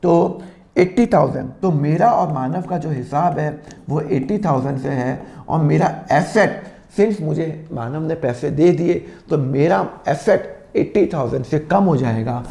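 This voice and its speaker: A man teaching accounting, with a slightly sore throat he keeps clearing, acting out both sides of made-up phone calls. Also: a little high, expressive, measured pace, warm tone. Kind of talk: classroom lesson with acted dialogues.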